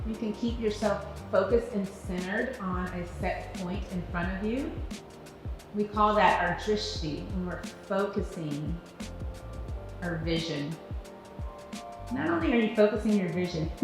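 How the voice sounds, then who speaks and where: A woman instructor leading a guided breathing exercise, counting out in a measured, encouraging way. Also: on the low side. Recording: very echoey room, music behind. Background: music.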